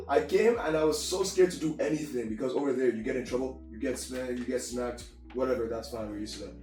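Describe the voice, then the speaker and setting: A teenage boy from Nigeria answering interview questions in a relaxed storytelling way. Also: medium pitch, fast. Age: teens. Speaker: guest. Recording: roomy, distant mic, faint music.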